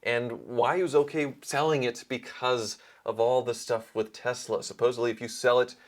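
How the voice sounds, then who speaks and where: A man's voice: mid-range voice, little pitch movement, moderate pace. A man in casual chat, explaining the details of a car auction in a knowledgeable way. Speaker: car show guest.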